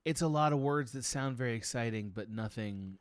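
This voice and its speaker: A man with an average-pitched voice talks casually about movies on a podcast. He sounds a little reserved and measured, often hedging his points. The recording is dry and free of echo. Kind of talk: casual film podcast chat.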